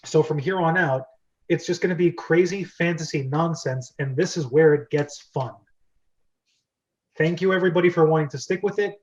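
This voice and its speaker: With a fairly high voice at a normal speed, a man hosts his script-reading club's casual group chat on a video call. He's enthusiastic, talkative, and given to rambling. The call's audio comes through dull and lo-fi.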